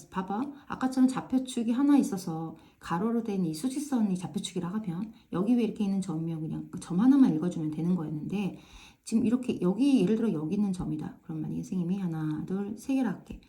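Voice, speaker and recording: A woman math teacher talks through a problem step by step in a casual classroom way, her mid-range voice animated, fast and warm. She keeps asking "right?" to make sure students follow, and repeats the filler "ja" to pace each step.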